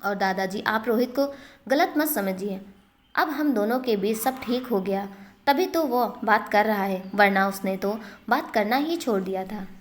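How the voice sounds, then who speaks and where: Woman reading as a calm young husband. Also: medium pitch, measured pace, natural voice. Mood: reassuring.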